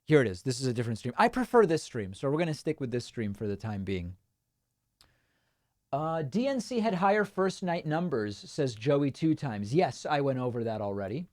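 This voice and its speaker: An Argentine-born man whose first language is Spanish hosts a live political commentary stream, offhandedly reading viewer comments and firing back quick replies full of ums and uhs. His voice is an ordinary middle pitch for a man, very animated with a darkish tone. The sound is dry and close, with no room echo.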